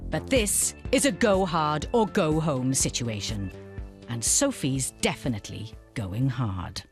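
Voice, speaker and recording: A woman's voice: extremely low pitch, lively intonation, measured pace. A woman reading scripted TV documentary narration with wry, dramatic phrasing. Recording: voice-over with music bed.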